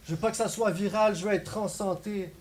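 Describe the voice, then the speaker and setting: A man's voice: sits high, fairly even intonation, a little fast, a little mellow. A man with a Québécois French accent delivering taunting, punchline-driven rap battle verses. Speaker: battle rapper. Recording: noisy live event recording.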